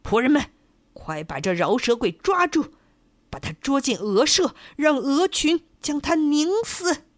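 A woman voicing a greedy, cruel male landlord who shouts angry orders at his servants in a storybook tale. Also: high voice, sing-song, a little slow, no room sound, voice pushed up, heavily acted. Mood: furious.

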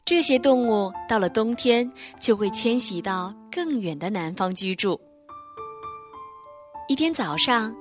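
Woman storyteller, bedtime tale, gentle expressive reading, fairly high voice.

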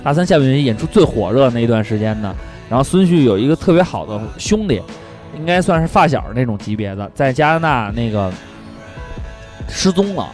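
A man's voice: mid-range voice, animated, fairly quick, darkish tone, soft background music. A man co-hosting a casual comedy podcast, telling stories animatedly, swearing freely and laughing often. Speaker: podcast co-host.

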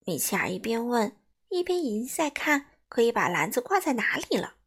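A woman reading a story aloud for children in an expressive, sing-song way. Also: fairly high pitch, normal speed, breathy edge.

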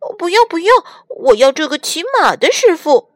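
A woman voicing a small lost boy in a children's storybook, pleading in a high, whiny voice. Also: big pitch swings, moderate pace, no echo, studio quality.

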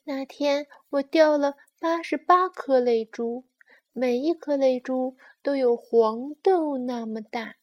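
Woman voicing a little bear cub, storybook, loud, insistent, very high voice. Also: slow, dull audio. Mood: excited. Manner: shouting, insistent.

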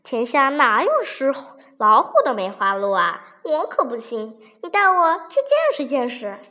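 A woman's voice: high voice, lively intonation, a little slow, fairly bright tone. A woman doing a cheeky, curious storybook monkey. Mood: doubting. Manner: eager, doubting.

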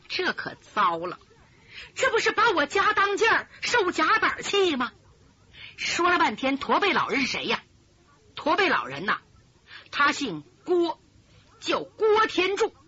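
A woman telling a martial-arts story in the traditional storytelling style, dramatic and animated, in a dull lo-fi recording. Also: sits high. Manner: animated, dramatic, voices every character.

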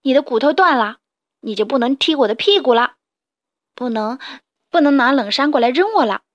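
A woman's voice: high voice, animated, a little fast, a bit bright, no room sound, lo-fi sound. A woman voicing a sturdy young male badger who speaks in an earnest, childlike way in a storybook tale. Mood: triumphant.

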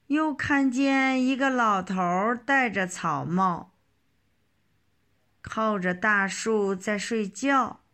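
A woman narrating a children's story in a slow, expressive storytelling manner. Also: a little high.

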